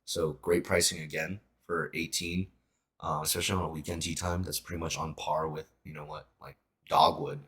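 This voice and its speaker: A young man with a very deep voice hosts a casual podcast. He talks in a relaxed, slightly halting way, filling his pauses with ums. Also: slightly rough. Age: young adult. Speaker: podcast host.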